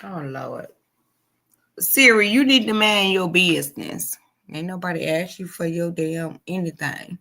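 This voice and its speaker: Slow, gravelly woman in her forties. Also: fairly low pitch, animated, sharp tone. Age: 40s. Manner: emphatic and repetitive, addressing viewers directly. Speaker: livestream host. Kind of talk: casual live chat to supporters.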